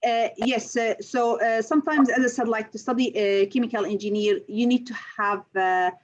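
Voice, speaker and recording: Answering an interviewer's questions, a chemical engineering lecturer from Syria uses many hesitant fillers. She speaks at a moderate pace with a slightly high voice and fairly even intonation, captured on a slightly dull recording.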